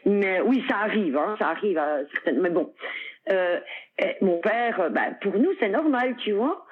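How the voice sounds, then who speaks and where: A woman's voice: medium pitch, animated, unhurried. A middle-aged Belgian woman chatting as an interview guest, talking freely with lots of fillers and laughs. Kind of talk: casual conversational interview. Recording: tinny phone-like line.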